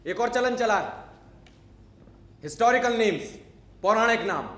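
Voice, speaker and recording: A man's voice: high voice, lively intonation, unhurried, fairly bright tone, roomy sound, a little hiss or hum. A man acting a grumpy, unsociable neighbor in a stage monologue, talking in a scolding, sarcastic, lecturing way. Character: grumpy unsociable male neighbor, middle-aged. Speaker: stage actor. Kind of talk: theatrical monologue.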